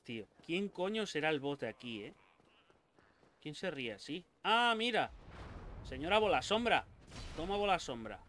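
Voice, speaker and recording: Excitable, swearing Spanish gamer guy. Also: fairly high pitch, slight background noise. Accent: Spain Spanish. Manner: excitable, swears a lot, talks to the game characters. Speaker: gaming YouTuber. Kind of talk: let's play commentary.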